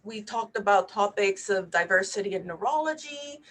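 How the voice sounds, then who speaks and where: A Puerto Rican physician in her thirties, whose first language is Spanish, presents as a panelist in a webinar over a video call. Her medium-pitched voice is animated and a bit bright, moving at a moderate pace. She talks earnestly and conversationally, using frequent fillers.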